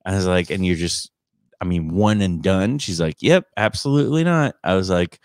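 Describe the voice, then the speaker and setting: A man's voice: deep voice, fairly even intonation, moderate pace, a little mellow, dry recording, clean studio sound. A man hosting a podcast in casual chat, telling stories in a rambling, teasing way. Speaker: podcast host and stand-up comedian.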